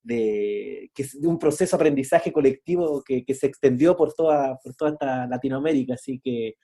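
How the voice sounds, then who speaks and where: A man's voice: mid-range voice, normal speed, warm tone, slightly rough. A man from Chile with a Chilean accent, co-hosting and chatting in a colloquial way. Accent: Chilean Spanish. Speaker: co-host. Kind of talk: casual conversation.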